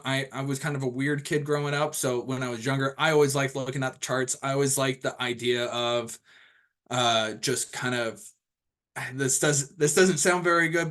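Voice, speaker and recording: A young man in his twenties introducing himself at the start of a group video call. His voice sits at a middling pitch, and his talk is loose and easygoing, full of ums and restarts. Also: fairly bright tone. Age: 20s. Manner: rambling, casual, lots of fillers and restarts. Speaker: host of an online training call.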